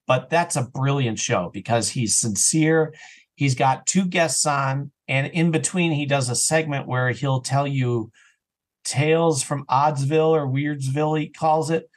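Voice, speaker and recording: Unhurried and medium-pitched, a man appears as a guest on a podcast, where he is interviewed as an audio drama writer and actor. He comes across as casual, emphatic and full of opinions.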